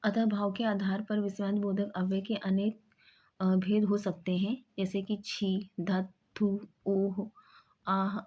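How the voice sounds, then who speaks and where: A woman's voice: medium pitch, flat delivery, slow pace, lo-fi sound. A woman teaching a grammar lesson for exam preparation, explaining terms and stressing words in spoken examples.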